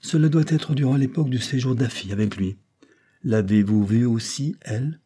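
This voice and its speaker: A sly barrister who wheedles and coaxes, his pitch lifted high and sing-song, as a man reading a novel aloud puts him on. The voice stays husky underneath. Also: normal speed, warm tone, lightly acted. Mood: coaxing. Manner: coaxing and wheedling. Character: sly, insinuating male barrister.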